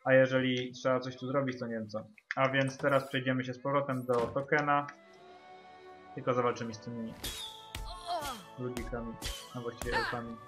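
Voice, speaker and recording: A man's voice: mid-range voice, level tone, normal speed, pauses often, fairly bright tone. A man giving casual, muttered, sweary gameplay commentary. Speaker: gamer. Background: game music.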